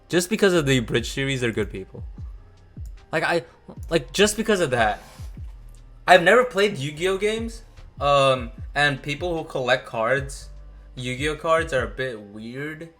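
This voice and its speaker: A man's voice: a little high, expressive, normal speed, fairly bright tone, faint music behind. A man hosting a casual video, rambling and swearing with lots of fillers and restarts. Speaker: anime channel host. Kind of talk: casual ranking commentary.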